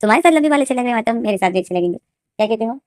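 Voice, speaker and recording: A gentle long-lost son, voiced by a woman narrator, speaks softly and soothingly. The tone is mellow and the sound is dry and close. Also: a little high, lively intonation, very fast, no room sound, natural voice. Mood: friendly. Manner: soft, consoling.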